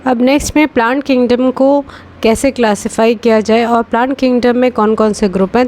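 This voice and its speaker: Higher-pitched woman teaching biology. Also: a little mellow. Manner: explains step by step, many fillers and restarts, mixes in English terms; slows to dictate key terms word by word. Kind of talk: online class lecture.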